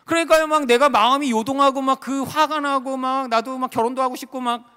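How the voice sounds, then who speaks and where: A man preaching a sermon as a pastor, telling a personal story with animated, emotional delivery and lots of fillers. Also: very high-pitched, fairly quick, smooth. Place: large worship hall at a retreat. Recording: long reverb of a large hall.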